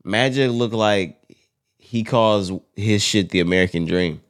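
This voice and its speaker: A man's voice: lowish voice, unhurried, no echo, studio quality. A man co-hosting casual sports banter in a crude, slangy, profane frat-bro manner, joking around. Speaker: podcast co-host.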